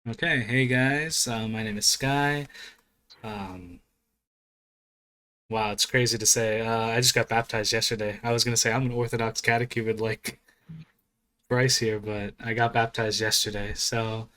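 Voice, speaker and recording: A man's voice: fairly low pitch, steady tone, normal speed, sharp tone. A man from Florida chatting as a podcast guest, friendly and a bit hesitant. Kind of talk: casual chat.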